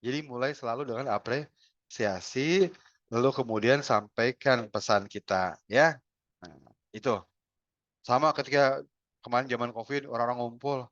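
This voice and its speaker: A man teaching health communication in an online webinar, acting out short example dialogues in a lively way. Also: medium pitch, normal speed, pauses often, no echo, muffled recording. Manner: animated, acts out little dialogues. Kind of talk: webinar lecture with acted examples.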